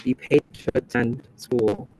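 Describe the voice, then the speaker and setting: A man's voice: mid-range voice, takes it slowly, mellow, a little hiss or hum, poor audio. Young man reading prepared testimony. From El Salvador. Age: young adult. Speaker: college student testifying. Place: meeting room.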